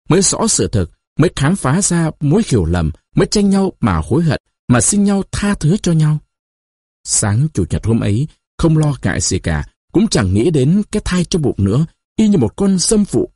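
Husky male storyteller for a novel audiobook; animated, dramatic delivery. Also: mid-range voice, no echo, clean studio sound. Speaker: narrator.

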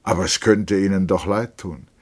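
A man's voice: low-pitched, steady tone, moderate pace, voice pushed up. Man voicing a rich, offhand landowner. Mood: dismissive. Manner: offhand, dismissive. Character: rich aristocratic landowner, worldly and impatient.

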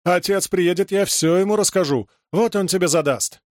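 Tanya, a man voicing a shrill frantic mother. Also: moderate pace, no echo, studio quality, close to an everyday voice. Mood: frantic shouting. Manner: shrill, self-pitying, shouting. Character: harried overworked village mother, shrill and frantic.

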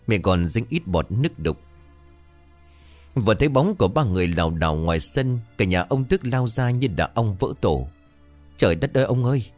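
A man reading a scripted horror story as narrator, expressive and voicing many characters. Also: lowish voice, no echo.

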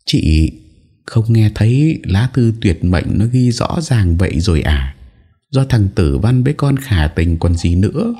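A man's voice: on the low side, very animated, moderate pace, mellow, breathy edge, pitched above the performer's own voice. A man putting on a spiteful, sneering second wife. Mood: mocking. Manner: sneering, harsh. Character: spiteful cruel second wife, middle-aged woman.

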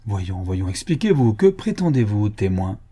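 A man's voice: fairly low pitch, big pitch swings, normal speed, dark tone, slightly rough. A man reading the part of a stern older male court president in an audiobook, questioning sharply. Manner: indignant questioning.

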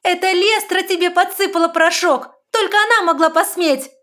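A woman voicing a young, defiant red-haired fairy woman who cries out loud and shrill. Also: a little fast. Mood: shrill panic.

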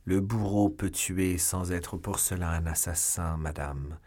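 A stern executioner who speaks slowly and gravely, as a male reader plays him. His low, husky voice carries the story's grimness. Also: darkish tone. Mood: grim.

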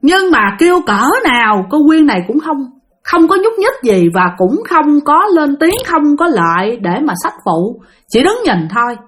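Lively Southern Vietnamese woman storyteller. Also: sits high, moderate pace. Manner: lively, addresses listeners directly, acts out voices. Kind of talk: spoken ghost story narration.

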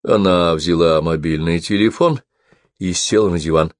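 A man narrating an audiobook in a steady, measured reading. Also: deep voice, no echo, studio quality.

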